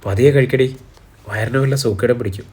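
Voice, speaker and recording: A man's voice: mid-range voice, a little fast, husky, natural voice. Strict mom snapping at her daughter, a guy putting her on, storybook voice. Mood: sharp. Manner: scolding, sharp. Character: stern worried mother.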